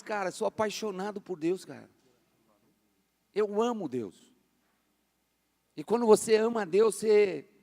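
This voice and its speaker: A man's voice: high voice, darkish tone. A man in his fifties, a pastor from Brazil, preaching a fervent, casual sermon in a large church hall. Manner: fervent, casual, says "cara" a lot. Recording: long hall reverb.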